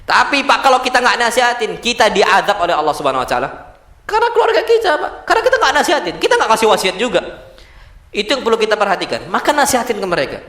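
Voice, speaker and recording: A male preacher giving a lively mosque sermon, posing rhetorical questions to his listeners and answering them himself, with Arabic quotations mixed in. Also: high-pitched, racing. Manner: addresses listeners as "Pak", quotes Arabic sayings. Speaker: Islamic preacher. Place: mosque hall. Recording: echoey mosque hall.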